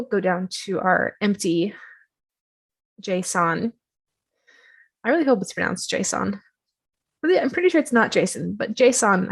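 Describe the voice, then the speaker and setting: Here her mid-range voice carries vocal fry and a slightly rough edge as she leads an easygoing software tutorial on her screen. She rambles chattily, jokes at her own expense, and uses many fillers.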